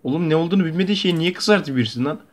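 A young man from Turkey talks rapid-fire in a fairly high voice, hosting a YouTube video from his bedroom at home. He reacts to a horror cartoon with casual, slangy, joking commentary.

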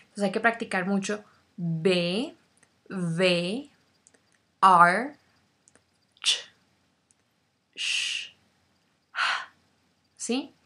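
A woman and native Spanish speaker teaching English pronunciation, speaking slowly and demonstrating each sound over and over. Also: mid-range voice, sharp tone. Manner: slow, demonstrative, repeats sounds. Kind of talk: pronunciation lesson.

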